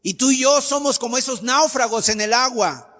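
A man's voice: extremely high pitch, fairly quick, bright, forceful tone. A man preaching a sermon with an emphatic, sing-song cadence. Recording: long hall reverb.

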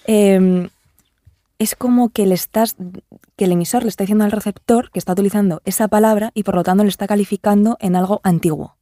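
A woman's voice: medium pitch, steady tone, fairly quick, dark tone, dry recording, studio quality. A woman hosting a podcast interview, chatting casually and asking questions. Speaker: podcast host. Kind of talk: conversational interview.

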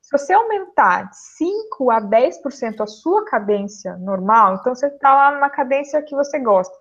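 High-voiced woman explaining with dull sound. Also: lively intonation, normal speed, a bit bright. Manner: explanatory, methodical. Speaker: physiotherapist guest. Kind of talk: casual podcast chat, explaining.

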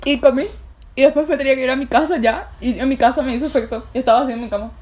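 A woman's voice: high voice, steady tone, rapid-fire, a little mellow, a little hiss or hum. A young woman with a Paraguayan Spanish accent, co-hosting a podcast and telling a story in a casual, rambling way full of fillers. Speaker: podcast co-host. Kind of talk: casual chat.

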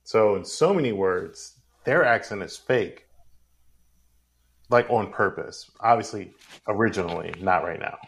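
Rambling low-voiced man. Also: measured pace, creaky. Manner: rambling, goes off on tangents. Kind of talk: casual film discussion.

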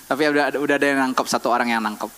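A man preaching a sermon in a lively, conversational way, teasing the congregation with questions. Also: mid-range voice, racing. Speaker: pastor. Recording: long hall reverb.

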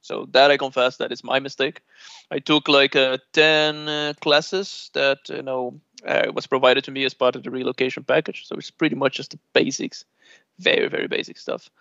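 A Brazilian man whose native language is Portuguese sits for a casual, conversational interview, relaxed and chatty, laughing often and using lots of filler "uh"s. His creaky voice is medium in pitch and moderate in pace, and the recording is muffled, dull, lo-fi and dry with no room sound.

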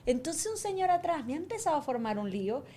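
High-voiced middle-aged woman, animated, acts out everyone in her stories. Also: fast talker, slight background noise. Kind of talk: casual chat.

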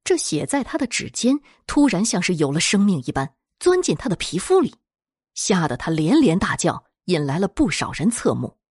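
A woman narrating a scripted horror story in a dramatic, expressive storytelling manner. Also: lowish voice, moderate pace, breathy edge, dry recording, studio quality.

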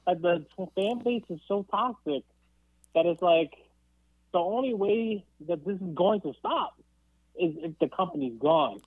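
A man's voice: high voice, animated, a little slow, dry recording, phone-quality sound. A man giving his opinions in a casual podcast chat, often repeating words as he works toward his point.

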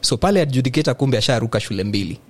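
A man's voice: mid-range voice, very fast. A man with a Kenyan accent telling a casual, comic anecdote among friends, acting out lines and sounds as he goes. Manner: animated, acts out lines and sounds. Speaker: storyteller in a group conversation.

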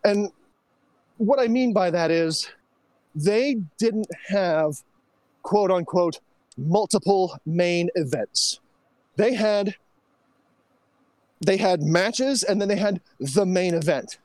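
A man with a notably high voice gives an animated, opinionated rant on a casual podcast. The sound is dry and close, with no room behind him. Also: slow, long pauses, no room sound. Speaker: podcast co-host. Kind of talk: casual chat.

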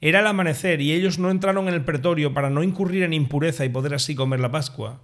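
A man reading the Passion Gospel aloud as a lector, steady and measured. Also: a little high.

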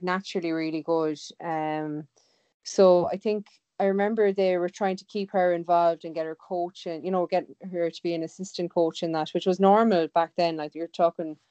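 Low, clear west of Ireland woman. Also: fairly even intonation, moderate pace, dark tone, dry recording, lo-fi sound. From Galway, west of Ireland. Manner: chatty, informal. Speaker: interview guest, sea swimmer. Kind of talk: casual chat.

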